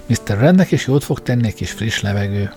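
A man voicing a cheerful, confident young man with a brisk, upbeat delivery. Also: fairly low pitch, expressive, a little mellow, faint music behind, natural voice. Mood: eager.

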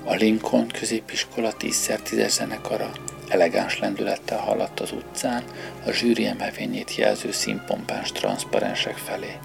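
A man narrating a story as an audiobook reader, in a measured storytelling manner, with music underneath. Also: fairly low pitch, gravelly. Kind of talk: scripted narration.

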